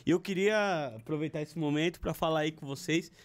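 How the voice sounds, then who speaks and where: A man's voice: fairly high pitch, a little fast. A man hosting a podcast, chatting casually and reading a sponsor plug. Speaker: podcast host. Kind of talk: casual chat and sponsor read.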